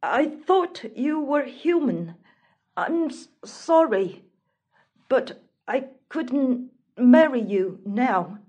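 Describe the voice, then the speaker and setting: A woman's voice: high-pitched, animated, extremely slow, dark tone, full character voice. A woman voicing a young male prince from a storybook, pleading and stammering as he apologizes. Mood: apologetic.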